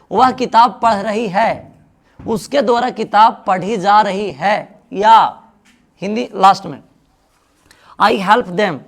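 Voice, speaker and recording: A man's voice: sits high, a bit bright. Bihari-accented male grammar teacher quizzing the class. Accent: Bihari Hindi. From India. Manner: asks the class questions and answers them himself. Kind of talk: classroom lesson.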